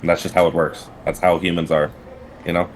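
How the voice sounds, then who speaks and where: Very deep-voiced laid-back man. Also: level tone, brisk, slight background noise. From Arizona. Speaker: guest. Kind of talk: casual chat.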